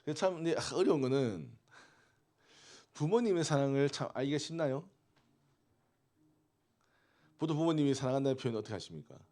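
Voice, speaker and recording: A man gives a sermon to a youth group, his pitch rising and falling in a lively way. He talks with the teens more than at them and keeps asking them questions. His voice sits at a middle pitch. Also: quick pace. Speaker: youth pastor.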